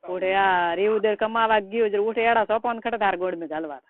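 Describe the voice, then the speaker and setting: Calling as a relative with advice, a middle-aged woman speaks colloquially and scoldingly at a moderate pace and medium pitch, with a rural Rajasthani Marwari accent. It's a private telephone conversation captured on a tinny, noisy recording.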